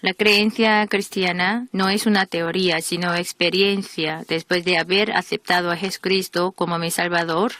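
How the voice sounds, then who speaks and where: A woman reading a sermon as a voice-over in a steady, measured preaching manner. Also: on the low side, no room sound. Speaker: voice-over reader of a translated sermon.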